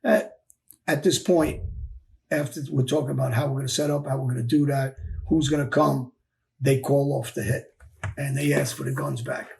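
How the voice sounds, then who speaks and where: Gravelly blunt-talking man. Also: medium pitch, level tone, moderate pace, a little mellow. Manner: blunt, emphatic, repeats phrases. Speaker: former mob enforcer guest. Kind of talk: candid storytelling interview.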